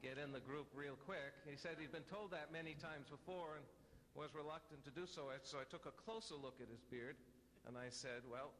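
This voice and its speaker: A man moderating an academic panel, introducing the speakers with dry, wry humor and a measured delivery, then starting his own talk. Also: fairly high pitch, fairly bright tone. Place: conference room. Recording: reverberant hall, faint ambient noise.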